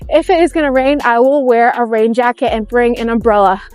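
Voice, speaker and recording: A woman's voice: a little high, fairly quick, darkish tone, no echo, soft background music. A young woman chatting casually into her camera while out on a walk, upbeat and giggly. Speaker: vlogger. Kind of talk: casual vlog chat while walking. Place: outdoors on a walk.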